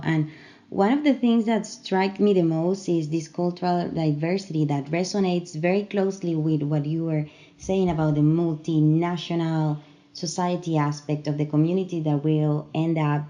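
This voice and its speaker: A woman's voice: lowish voice, warm tone, muffled recording. A woman interviewing a guest in a friendly, casual way. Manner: friendly, laughs often.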